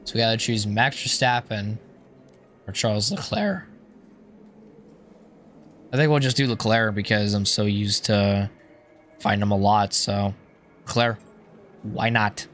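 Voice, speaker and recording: A man with a hoarse, strained voice giving casual, rambling gameplay commentary, thinking aloud in an informal way. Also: lowish voice, a little slow, pauses often, a bit bright, a little hiss or hum. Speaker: gaming YouTuber.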